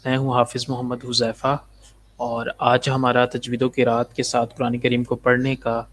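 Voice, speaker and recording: Man, Quran reading teacher, monotone voice, drawn-out spelling, brisk explanations. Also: medium pitch. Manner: spells letters slowly, then explains rules quickly.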